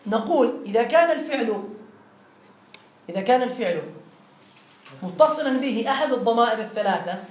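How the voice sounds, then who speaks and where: A man's voice: extremely high pitch, lively intonation, fairly quick, pauses often, distant mic. A man teaching a classroom grammar lesson, explaining step by step and quizzing his students. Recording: roomy classroom with faint noise.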